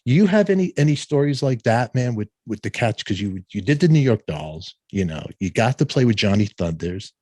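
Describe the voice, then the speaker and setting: A man's voice: medium pitch, big pitch swings, fairly quick, hardly any pauses, a little mellow, no room sound. A man hosting a casual interview, enthusiastic and trading his own anecdotes. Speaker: podcast host.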